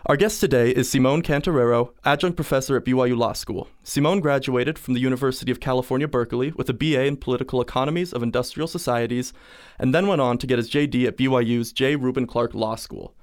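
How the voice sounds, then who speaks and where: A man's voice: mid-range voice, fast talker. A young man hosting a student podcast, reading a formal guest introduction and asking upbeat interview questions. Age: young adult.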